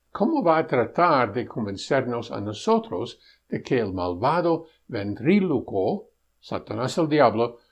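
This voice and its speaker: Slow husky man giving religious commentary. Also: mid-range voice, darkish tone. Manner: measured, pointed rebuttal with scripture citations. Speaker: Bible study commentator.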